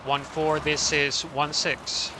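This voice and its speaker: A man's voice: on the high side, little pitch movement, takes it slowly, background noise. A man giving clipped, businesslike radio callouts as a squad leader in a military game.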